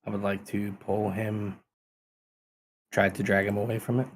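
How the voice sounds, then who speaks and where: Slightly husky man chatting over a game. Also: on the low side, little pitch movement, moderate pace. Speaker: tabletop game player. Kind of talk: casual game chat.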